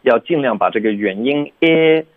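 A male pronunciation teacher on a radio show, correcting students slowly and patiently, drilling single sounds. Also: medium pitch, animated, no room sound. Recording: tinny phone-line voice.

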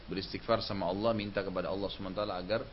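A male preacher giving an Islamic lecture in a relaxed, conversational way, often closing his points with short tag phrases. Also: low-pitched, rapid-fire. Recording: dull lo-fi recording with faint hiss.

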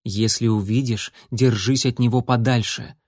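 A man's voice: mid-range voice, steady tone, moderate pace, a little mellow, slightly rough, dry recording, clean studio sound, lightly acted. A man voicing an earnest young male warrior cat talking with his sister in a storybook reading. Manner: earnest, cautious.

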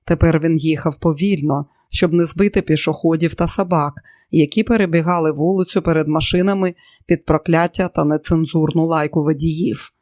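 A man narrating a novel as an audiobook in an even, steady manner. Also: fairly high pitch, moderate pace, few pauses, no echo, studio quality.

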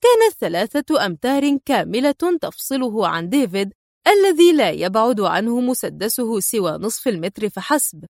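A woman's voice: a little high, very animated, moderate pace, darkish tone, dry recording. Woman reading a novel, dry sound. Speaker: narrator. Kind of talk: audiobook narration. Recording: dry close recording.

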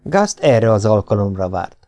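A man's voice: lowish voice, big pitch swings, dark tone, no echo. Man reading an audiobook, dry sound. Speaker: audiobook reader. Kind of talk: audiobook narration.

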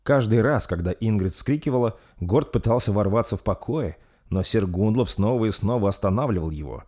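A man narrating a dark fantasy audiobook in a steady, even delivery. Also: fairly low pitch, brisk.

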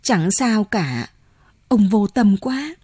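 A woman's voice: mid-range voice, very animated, drawn-out words, warm tone, breathy edge, no room sound, clean studio sound, exaggerated voice. A woman reading an audiobook voices a frightened older woman who pleads urgently and breathlessly. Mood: tender insistent.

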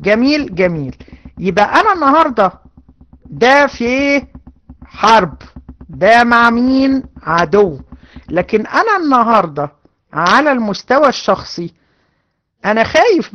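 A woman's fairly high voice swings widely in pitch as she teaches hadith to a class of women, speaking at normal speed with long pauses. Her Egyptian accent and slightly bright tone come through a lo-fi recording, and she earnestly repeats points while speaking directly to the class.

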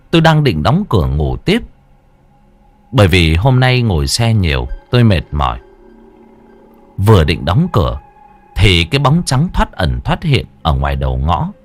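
A man tells a horror story in a dramatic, tense style, his pitch rising and falling widely, over faint background music.

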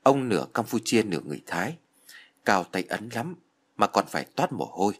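A man voicing an old village grandfather, speaking slowly and solemnly. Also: fairly low pitch, sing-song, fairly bright tone, husky, full character voice. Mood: grave.

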